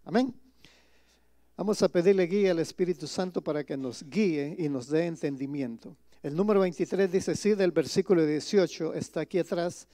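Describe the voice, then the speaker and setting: High-voiced pastor preaching with mellow tone. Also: male voice, normal speed, no echo, studio quality. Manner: reads scripture aloud, then explains it in plain asides; keeps asking the congregation "¿verdad?" and "mis hermanos". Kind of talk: Spanish-language sermon. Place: church.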